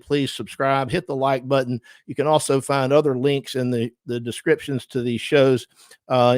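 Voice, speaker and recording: A middle-aged man from Georgia, USA, with a Southern Georgia accent, hosts a casual livestream; he is a livestream host and a lawyer. He chats with viewers, thanks them, and uses many fillers. His mid-range voice comes through a dry, studio-quality recording.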